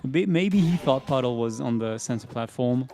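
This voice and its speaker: A young man giving live commentary on a fighting game tournament, reacting quickly and laughing often. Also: mid-range voice, animated, warm tone, soft background music. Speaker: esports commentator.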